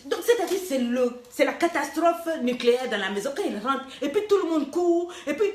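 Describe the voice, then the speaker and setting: High-voiced, teasing woman coach. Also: brisk, slight background noise. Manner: teasing, playful, animated, mixing in English phrases. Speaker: relationship coach. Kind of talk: lively advice talk. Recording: echoey room.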